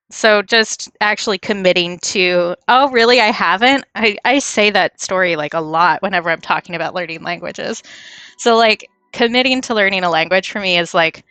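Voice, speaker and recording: A woman's voice: on the low side, sharp tone, smooth, no echo. A young woman chatting casually on a livestream while she draws, rambling and stumbling over her words with self-deprecating asides. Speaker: streamer.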